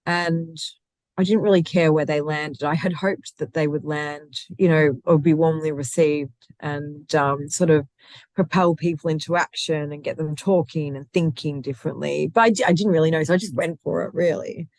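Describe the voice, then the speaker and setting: A low, steady, darkish female voice moves at a moderate pace in a dry recording. The guest, who founded a recruitment company, talks passionately in a conversational interview, often restarting sentences and laughing with ease.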